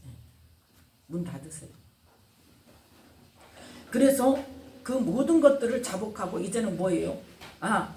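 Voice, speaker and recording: A woman pastor preaching a sermon, engaging the congregation with frequent questions and answers. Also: mid-range voice. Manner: animated preaching with call-and-response questions. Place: church sanctuary. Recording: roomy echo, distant mic, faint room noise.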